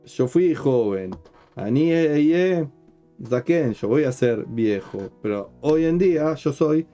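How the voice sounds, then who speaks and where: A rabbi gives an explanatory lesson in a dark, mellow man's voice, pausing to ask whether his listeners follow. The recording is dull and lo-fi, with soft guitar music faintly underneath. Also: medium pitch, animated. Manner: checks understanding with frequent rhetorical questions; points at written material while explaining. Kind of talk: explanatory teaching talk.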